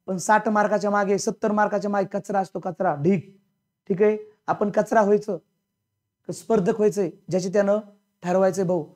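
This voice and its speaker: A man's voice: high voice, fairly even intonation, a little fast, darkish tone. Blunt male teacher drilling a class. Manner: drills the class with repeated questions; scolding, colloquial and blunt. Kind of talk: classroom grammar lecture. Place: classroom with students.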